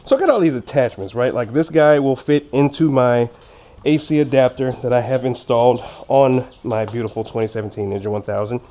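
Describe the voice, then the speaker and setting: Speaking fairly quickly in a mellow, mid-range voice, a man with braces, which slightly impede his speech, does a casual unboxing review. He's a motorcycle vlogger, chatty and jokey, tossing in informal self-teasing asides over clearly audible background noise and clicks.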